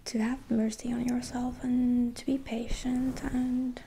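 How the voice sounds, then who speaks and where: A woman whispers a soothing ASMR pep talk in a very mellow, breathy hush. Her delivery is slow and barely varies in pitch, with gentle pauses and a reassuring manner throughout. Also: little pitch movement, a little hiss or hum. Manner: hushed, breathy whispering and soft-spoken. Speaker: ASMR host.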